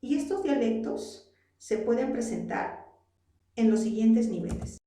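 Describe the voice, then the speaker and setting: A woman's voice: fairly high pitch, animated, unhurried, warm tone. A woman teacher from Peru with a Peruvian accent, explaining a lesson patiently and asking her students rhetorical questions. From Arequipa, Peru. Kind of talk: classroom lesson. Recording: very echoey room, voice far from mic.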